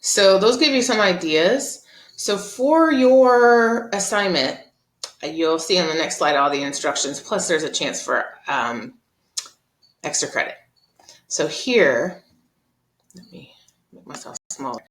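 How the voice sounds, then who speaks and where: A woman teaching an art lesson over slides, explaining in a relaxed, chatty way with frequent ums and uhs. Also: on the low side, a little slow, pauses often. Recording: roomy echo.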